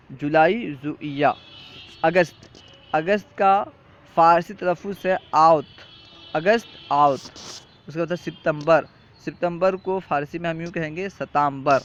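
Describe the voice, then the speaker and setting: A man teaches a classroom lesson in a slightly high voice. He recites lists and repeats them patiently, checking often that the students follow. The recording is dull and lo-fi. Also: slight background noise. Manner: patient, repetitive, checks in with "theek hai?".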